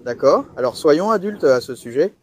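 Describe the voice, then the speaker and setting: Male cop dub, high and animated, firm orders, faint noise. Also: normal speed. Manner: firm, commanding instructions. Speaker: police officer. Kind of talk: dubbed bodycam dialogue.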